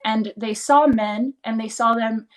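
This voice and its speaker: Speaking fast and meandering with frequent "like"s, this woman is a livestream chat guest whose first language is Spanish. Her pitch is fairly high and her tone stays steady, though the recording is rough.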